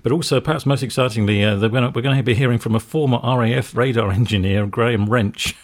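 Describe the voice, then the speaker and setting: A man's voice: mid-range voice, fairly even intonation, fast talker. A man co-hosting a music radio show in casual chat, chuckling often and hesitating with fillers.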